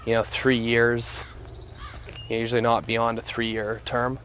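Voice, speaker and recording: A man's voice: medium pitch, monotone, slow pace. A man in casual conversation, speaking as an investor on a site visit. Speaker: investor asking questions. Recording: loud vehicle noise on location.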